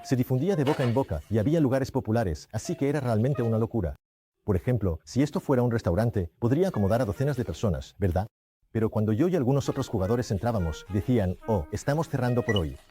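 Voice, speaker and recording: A man in his fifties with a warm, mellow tone, telling stories in a relaxed way and pausing to correct himself. He is a show host who once played rugby, and soft music plays faintly behind him. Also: mid-range voice. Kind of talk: reminiscing in casual conversation.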